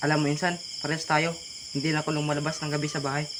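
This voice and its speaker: A man's voice: a little high, little pitch movement, very fast, noisy background, close to an everyday voice. A man playing a reserved young man who misses his mother and speaks briefly. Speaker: cousin. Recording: outdoors at night with loud crickets.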